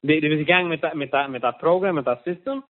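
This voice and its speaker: A man's voice: on the high side, quick pace, no room sound. Questioning male host on a phone line. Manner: asks short questions and repeats words as he starts. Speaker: interviewer. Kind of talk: casual interview chat.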